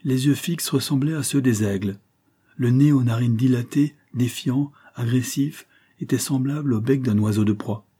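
Husky, dark-voiced male narrator. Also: medium pitch, moderate pace. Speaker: audiobook narrator. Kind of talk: scripted novel narration.

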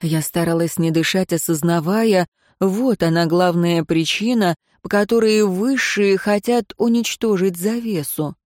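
A woman narrates a first-person fantasy story in a calm, measured way. Her voice sits on the low side. The sound is dry and close to the mic, with no room around it. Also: dry recording. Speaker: audiobook narrator.

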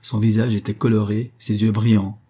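A man giving a measured scripted narration of a classic novel as an audiobook narrator. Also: fairly low pitch, level tone, mellow, breathy edge. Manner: measured, literary reading.

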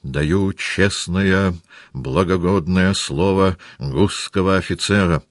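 A man's voice: low-pitched, slow pace, no echo, studio quality. Man putting on a hussar officer with a burr. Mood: earnest. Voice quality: cannot roll his r, burring. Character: blunt, mustached male hussar officer.

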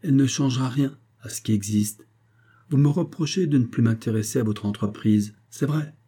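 A sorrowful young wife from an audiobook, quiet and dignified in her despair, as a male reader puts her on. The voice stays dark and husky, low for the part. Her delivery is subdued and weary. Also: normal speed. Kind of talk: audiobook character reading.

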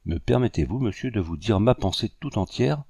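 A man voicing a gentle young French lady. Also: on the low side, lively intonation, brisk, vocal fry, slightly rough, dry recording, studio quality, exaggerated voice. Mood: timid insistence. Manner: gentle, pleading and courteous. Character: earnest young French lady of colonial gentry.

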